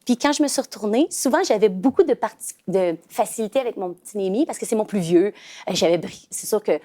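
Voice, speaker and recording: On a relaxed talk show, a woman in her thirties with a Québec French accent briskly recounts family stories in a dark, medium-pitched voice, with lots of fillers and restarts.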